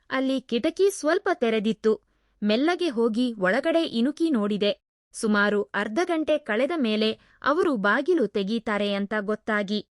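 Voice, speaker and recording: Woman narrating a story, slightly high voice. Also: dry recording, clean studio sound. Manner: calm, measured telling. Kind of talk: first-person story narration.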